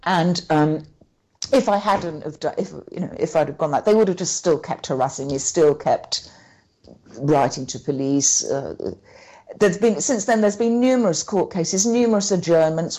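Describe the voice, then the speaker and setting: Woman, low voice, mellow tone, interview guest, halting speech, restarts sentences. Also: animated. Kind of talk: conversational interview.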